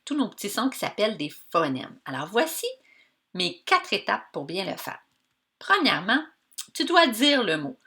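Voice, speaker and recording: Lively Québécois teacher stretching out sounds. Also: female voice, medium pitch. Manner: slow, stretched-out sounds of words for young learners; encouraging, addresses pupils directly. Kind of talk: children's reading lesson.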